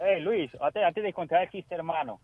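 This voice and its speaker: A man calls in to a radio talk show to tell a joke, putting on a squeaky voice for the characters. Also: normal speed, dry recording, phone-quality sound. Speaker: caller. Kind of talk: phone call telling a joke.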